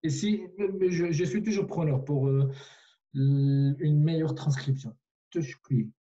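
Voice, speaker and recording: A man's voice: a little high, steady tone, slow pace, mellow, dull audio. A man teaching a language online in a patient way, repeating himself with many fillers and restarts, over a video call.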